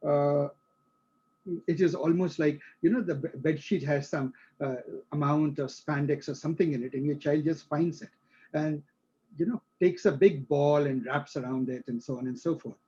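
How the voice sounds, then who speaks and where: Man, instructor, live class explanation, checks in with "right?", mellow husky voice, lo-fi audio. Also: a little high, fairly even intonation, moderate pace. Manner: explains with everyday examples, frequent "right?" checks.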